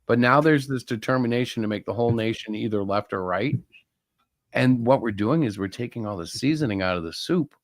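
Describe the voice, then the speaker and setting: A man's voice: mid-range voice, brisk, no echo, clean studio sound. A middle-aged man co-hosting a live stream, chatting casually and rambling through opinions with jokes mixed in. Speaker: co-host of a live-streamed show. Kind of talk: casual chat.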